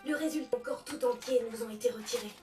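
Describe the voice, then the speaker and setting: Woman playing an earnest, high-pitched young character. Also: fast talker, recorded from a distance, over music, close to an everyday voice. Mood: solemn. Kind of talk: dubbed anime acting.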